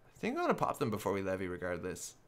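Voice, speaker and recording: A man's voice: deep voice, wildly swooping pitch, rapid-fire, a bit bright. A man giving live, casual commentary on a card game, thinking aloud as he works through each play step by step.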